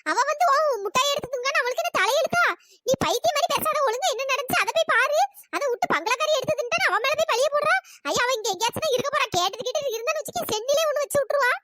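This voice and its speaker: A woman's voice: expressive, racing, background noise. A woman voicing a chatty, scolding village woman in a cartoon. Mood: exasperated scolding. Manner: scolding, exasperated. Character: chatty village woman, elder sister type. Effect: pitch-raised cartoon voice. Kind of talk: cartoon storytelling.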